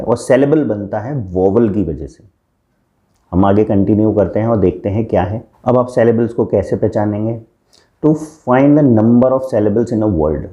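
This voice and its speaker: Man with a very dark, low voice. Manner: slows down to read English definitions aloud. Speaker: language coach. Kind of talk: Hindi-English mixed lesson explanation.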